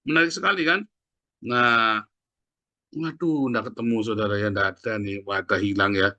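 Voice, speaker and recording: A middle-aged man preaching a sermon, often adding "Saudara ya" and dropping from loud peaks to quiet asides. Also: normal speed, lo-fi sound. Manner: conversational preaching, often tagging phrases with "Saudara ya"; swings from loud emphatic peaks to low asides.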